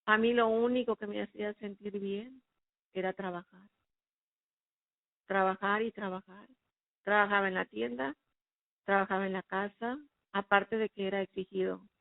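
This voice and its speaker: A woman's voice: medium pitch, fairly even intonation, moderate pace, vocal fry, long pauses, no room sound. A woman giving a personal faith testimony, recounting her past in an earnest, emotional way. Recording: phone-like narrow sound, dry.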